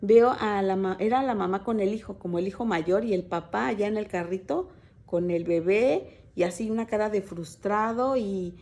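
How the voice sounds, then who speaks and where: A woman teaches a church women's group in a relaxed, conversational sermon. Her voice is mellow and dark, sitting at an ordinary middle pitch. She pauses often on fillers and restarts her phrases as she tells stories to her listeners. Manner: hesitant, many fillers and restarts; conversational storytelling, addressing listeners as sisters.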